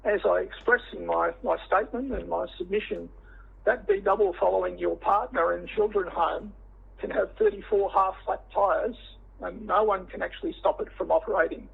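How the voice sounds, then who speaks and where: An Australian man with a croaky, froggy, hoarse voice gives measured, halting formal testimony over a teleconference line. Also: high voice, steady tone. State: hoarse after throat surgery. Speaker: witness, director of a tyre safety body. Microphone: phone or teleconference line. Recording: tinny, band-limited teleconference line.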